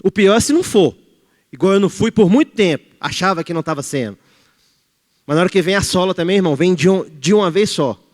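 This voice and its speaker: A Brazilian man preaching a sermon in a church, shifting between loud exhortation and hushed pleading. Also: sits high, expressive, quick pace. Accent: Brazilian Portuguese. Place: church hall. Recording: reverberant church hall.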